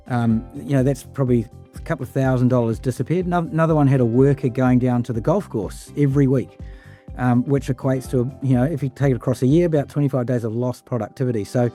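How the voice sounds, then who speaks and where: Dark-toned man talking business on a panel. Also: mid-range voice, fast talker, faint music behind. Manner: casual, many fillers and lists. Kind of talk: panel discussion.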